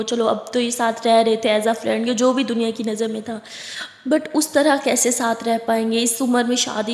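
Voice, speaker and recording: A woman's voice: fairly high pitch, a little mellow. A woman telling a love story in a chatty, conversational way, with fillers. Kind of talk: casual spoken storytelling. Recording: roomy echo with long reverb.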